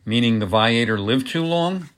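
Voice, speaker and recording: A man reading the part of a calm, hard enforcer who speaks in a dry, level, quietly menacing way. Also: medium pitch, moderate pace, natural voice. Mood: probing.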